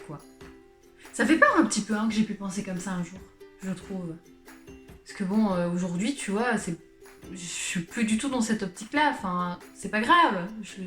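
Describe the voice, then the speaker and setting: A woman in her late twenties chats to camera in a loose, colloquial way, poking fun at herself between sighs and little laughs. Her voice sits at a middle pitch and carries a roomy echo, with soft music playing underneath. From born in Switzerland, Portuguese family. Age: late 20s. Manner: colloquial, self-mocking, rambling with sighs and laughs. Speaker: vlogger, channel host. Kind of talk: casual confessional chat to camera.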